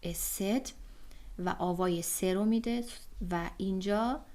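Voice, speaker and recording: A woman's voice: medium pitch, darkish tone. A woman teaching German pronunciation in an online lesson, explaining patiently step by step with frequent fillers.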